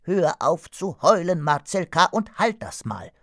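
A woman voicing a cheeky, practical young male fly in a storybook radio play, talking briskly and teasing. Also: fairly low pitch, sing-song, fairly bright tone, no echo, studio quality, heavily acted.

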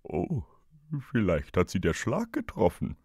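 A man's voice: low-pitched, huge pitch swings, unhurried, a little mellow, husky, dry recording, clean studio sound, exaggerated voice. A man voicing a laid-back young male fly with a lazy, drawling delivery.

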